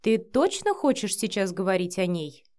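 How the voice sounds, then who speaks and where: A gruff, blunt man who is quick to anger and barks his words, read by a woman narrating an audiobook. His delivery stays short and rough. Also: mid-range voice, sing-song, a little mellow, close to an everyday voice. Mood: weary.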